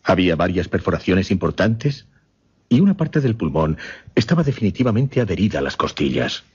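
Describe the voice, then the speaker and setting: In this radio drama, a male actor voices a solemn hypnotist gentleman telling of his macabre experiment, his low, somewhat mellow voice breathy at the edges, very animated and fully in character. The delivery is grave, formal and deliberate with dramatic pauses, and the audio is lo-fi and slightly muffled.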